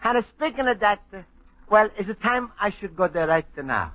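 A man's voice: high-pitched, sing-song, normal speed. An actor playing a cheerful Italian immigrant man who writes home to his mother, speaking broken English with an Italian accent and a giggly, sentimental manner, in a 1940s-style radio comedy. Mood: fond. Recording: dull old radio broadcast.

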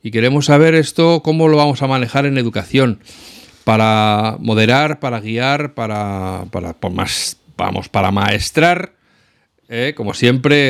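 A man hosting a podcast, opening the show in a jokey, wordy way. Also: medium pitch. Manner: jokey, wordy, playful introductions. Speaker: podcast host. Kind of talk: casual show intro.

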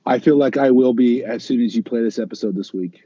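A man speaks as a podcast guest in a relaxed chat, thoughtful and telling stories as he goes. His voice is very dark and warm. The sound is dry and dull, like lo-fi audio. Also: mid-range voice, fairly quick, dry recording.

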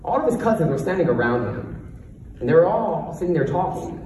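A man speaks from far off in a very echoey hall with faint noise behind him. He delivers a confident motivational stage talk in a higher-pitched voice, full of emphasis and rhetorical questions. He has a lisp and says his R's like W's. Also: big pitch swings, fairly quick, dark tone. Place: stage in a large echoing room before an audience.

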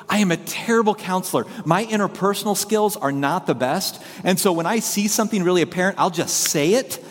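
A man's voice: sits high, long reverb tail. A man preaching a sermon as pastor, telling a story in a rambling, self-deprecating way.

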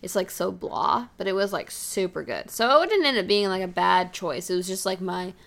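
A woman's voice: medium pitch, lively intonation, moderate pace, gravelly, fairly bright tone. A young woman co-hosting a casual podcast, telling travel stories in a rambling way with lots of filler words.

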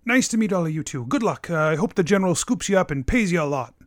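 Man playing a hesitant, friendly village tradeswoman, higher-pitched. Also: expressive, quick pace, no echo, studio quality. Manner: hesitant, informal, helpful. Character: friendly female villager gem and boat trader.

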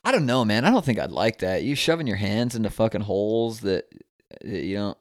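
A man's voice: lowish voice, sing-song, a little fast. A young man in casual chat, telling rambling stories full of swearing and laughter. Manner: rambling storyteller, heavy swearing, laughs often.

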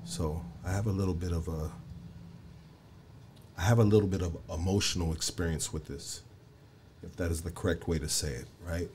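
A man in his forties interviewing casually, halting and leaning on fillers and tag questions. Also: sits low, steady tone, darkish tone, a little hiss or hum. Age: 40s.

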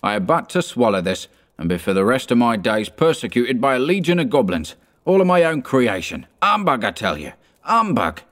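A man's voice: mid-range voice, sing-song, normal speed. A man doing a caustic old miser. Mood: scoffing. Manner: sharp, scoffing. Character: caustic cold old male miser, scared but scoffing.

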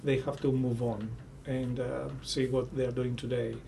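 Halting Greek-accented male academic. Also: mid-range voice, little pitch movement, vocal fry, warm tone. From Greece. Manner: halting, searching for words, deliberate. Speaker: academic researcher, interviewee. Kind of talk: academic interview. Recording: distant mic with faint background noise.

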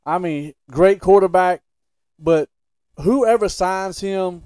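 On a casual sports podcast, a male co-host with a slightly high, darkish voice argues his opinions bluntly and emphatically in back-and-forth debate. He talks slowly, and the clean, dry sound has no room echo.

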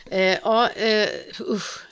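A woman's voice: medium pitch, flat delivery, fairly bright tone, clear, resonant tone. A woman in casual podcast chat, speaking emphatically and getting heated when indignant.

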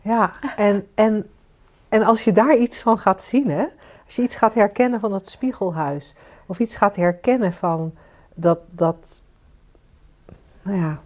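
A woman's voice: medium pitch, measured pace, long pauses. A woman co-hosting a podcast, talking casually and asking listeners questions. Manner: warm inviting, asks listeners questions. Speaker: podcast co-host and coach. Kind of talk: casual conversation with listener invitations.

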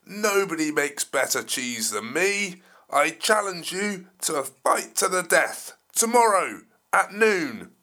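A man voicing an angry, boastful male dinosaur in a children's story, roaring and shouting threats in a raised, higher voice. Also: big pitch swings, slow pace, exaggerated voice. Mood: furious roar.

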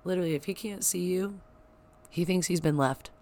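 A young woman hosting her own podcast at home, chatting in an excitable, rambling way with lots of asides. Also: lowish voice, fairly quick. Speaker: podcast host. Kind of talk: casual solo podcast chat. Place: home, child playing upstairs. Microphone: sensitive podcast microphone.

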